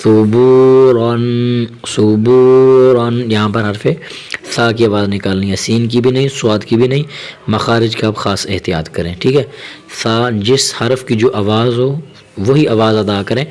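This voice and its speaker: A man teaching Quran reading as a teacher. He explains quickly and then spells out the syllables slowly and drawn out. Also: fairly low pitch. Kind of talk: spelling-out lesson.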